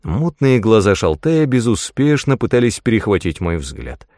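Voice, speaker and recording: A man narrating a fantasy audiobook in the first person, with expressive, dramatic storytelling. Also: on the low side, moderate pace, no room sound, clean studio sound.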